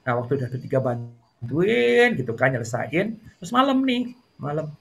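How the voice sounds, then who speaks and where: A middle-aged man with a fairly high voice tells a story as an interview guest. He is chatty and fills his talk with little fillers. His pitch jumps up when the story gets lively. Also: normal speed, creaky.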